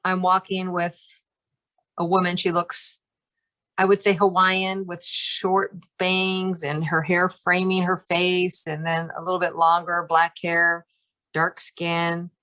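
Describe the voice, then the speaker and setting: A woman's voice: lowish voice, level tone, takes it slowly, sharp tone. A woman telling a story in a casual, chatty way, laughing often and using lots of fillers. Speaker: group participant.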